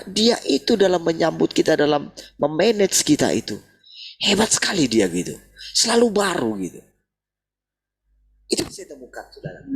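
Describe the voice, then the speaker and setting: Guy preaching, husky voice, pitch jumps all over, keeps saying gitu. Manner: animated, repeats "gitu" often. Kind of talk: sermon over video call.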